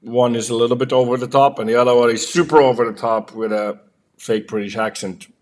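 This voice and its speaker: A man, a voiceover artist, chatting casually about voice software from his home office, with frequent fillers. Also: medium pitch, steady tone, brisk. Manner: chatty, filler-heavy explaining. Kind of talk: casual tech review.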